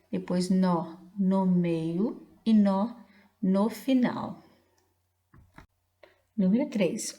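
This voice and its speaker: Slow, patient woman teaching small children. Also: mid-range voice, dark tone. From Brazil. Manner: patient, spells out syllables letter by letter. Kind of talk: slow explanatory lesson for young children.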